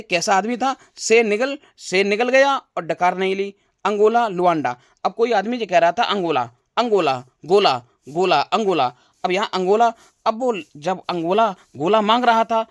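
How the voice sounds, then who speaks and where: Male teacher, higher voice, close dry mic, drills facts with playful wordplay tricks. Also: no room sound. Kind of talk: exam-prep general knowledge lesson.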